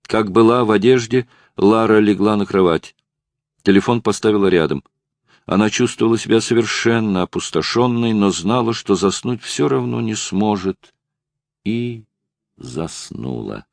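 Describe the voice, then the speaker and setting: A male narrator reads a romance audiobook in a calm, measured manner. His voice is very low with a gravelly fry. The recording is close and dry. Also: dry recording. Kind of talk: scripted narration.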